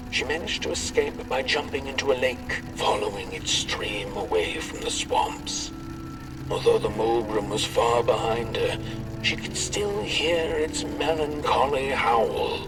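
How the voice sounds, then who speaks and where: A man narrating a dark fairy-tale game in a slow, measured storybook manner. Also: mid-range voice. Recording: game audio heard from a distance over music.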